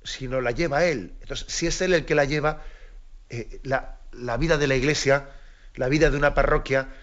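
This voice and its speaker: In a dull lo-fi recording, a man with a mid-range, somewhat bright voice speaks at normal speed. He's a priest giving an earnest, reflective sermon to other priests, returning to key phrases and asking rhetorical questions.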